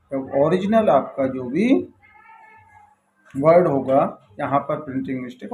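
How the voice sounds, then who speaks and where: A man teaching English grammar, who reads each English line slowly and then goes through it step by step. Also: fairly high pitch, a little mellow. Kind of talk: classroom-style grammar lesson. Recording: echoey room.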